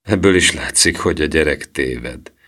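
A man voicing a smug adult male thief in an audiobook reading, slow, offhand and falsely polite. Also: a bass voice, sharp tone.

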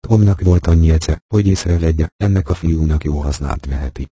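Very deep, husky male audiobook narrator. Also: mellow, no room sound. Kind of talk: scripted narration of a classic novel.

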